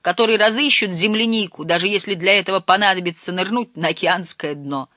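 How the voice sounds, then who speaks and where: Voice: medium pitch, a little fast, bright, forceful tone, dry recording, clean studio sound, natural voice. A reader voicing a cheeky, teasing teenage fisherman's son in an audiobook. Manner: teasing, cocky.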